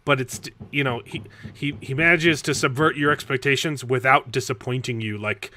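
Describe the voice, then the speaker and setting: Bright-voiced man chatting casually. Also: medium pitch, normal speed, a little hiss or hum. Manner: chatty, laughs often, repeats words when excited. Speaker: book discussion panelist. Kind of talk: casual livestream chat.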